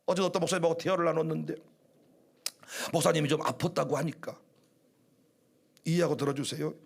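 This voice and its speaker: A male pastor, preaching a sermon emphatically and with humor, swinging from hushed tones to shouts. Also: fairly high pitch, steady tone, fairly quick, vocal fry. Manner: humorous, acting out church squabbles.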